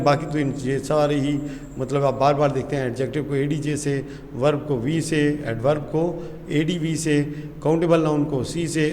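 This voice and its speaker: A man with a Pakistani Urdu accent teaches a grammar class in a slightly high voice. He asks the class questions and answers them himself, and reads English sentences out slowly. The sound carries a long hall reverb with a faint hiss behind it. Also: darkish tone.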